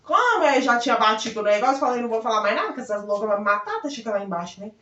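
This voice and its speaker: A young woman telling a personal story in a lively way, acting out the voices of the people in it and laughing often. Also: on the high side, racing. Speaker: vlogger. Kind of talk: casual storytelling. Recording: echoey room heard from a distance, dull sound.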